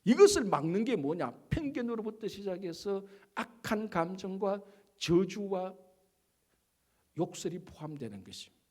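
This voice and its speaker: A male pastor preaching a sermon, with emphatic delivery, rhetorical questions and slowed stress on key words. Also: high-pitched, very animated, darkish tone. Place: church sanctuary.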